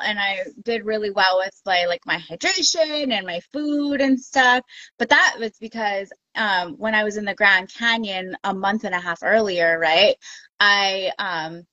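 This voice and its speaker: Chatty, bright-voiced woman telling stories. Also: mid-range voice, no echo, lo-fi sound. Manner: chatty, animated storytelling with acted-out quotes. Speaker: podcast guest, ultra runner. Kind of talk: casual interview chat.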